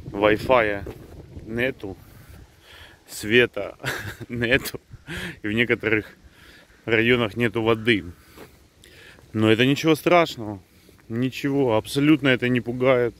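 A man giving a casual vlog update outdoors, talking unhurriedly in halting phrases. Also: fairly low pitch, a little hiss or hum. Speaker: vlogger. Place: outdoors on a dirt road.

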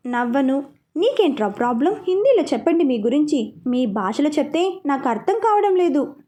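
A woman voicing a gruff, short-tempered young man in an audio story, speaking curtly. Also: sits high, sing-song, normal speed, dark tone. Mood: irritated. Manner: curt, irritated.

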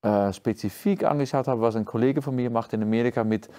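A man in his forties from Friesland with a Dutch accent, a trombone professor answering interview questions in German with many restarts and fillers, in a dark studio. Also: mid-range voice, quick pace. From Friesland, Netherlands. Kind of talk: interview conversation. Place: dark studio stage, indoors.

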